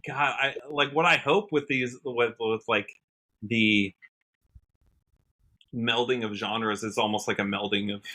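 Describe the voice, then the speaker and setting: A country singer from Washington state guests on a podcast, his American-accented voice bright, forward, mid-range and fairly even in intonation. In casual interview chat he earnestly circles his point, halting, trailing off and rephrasing often.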